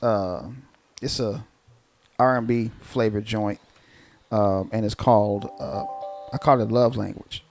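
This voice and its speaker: A man's voice: on the low side, steady tone, takes it slowly, gravelly, pauses often, a little mellow, faint music behind. Southern-accented man, blunt country-boy talk. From southern United States. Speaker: podcast co-host and musician. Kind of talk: casual chat.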